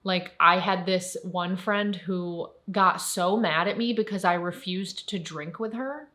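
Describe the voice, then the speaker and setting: Candid woman in her twenties, lowish voice. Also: a little slow, pushed and bright. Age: 20s. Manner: candid, rambling, filler-heavy. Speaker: YouTuber. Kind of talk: personal storytelling vlog.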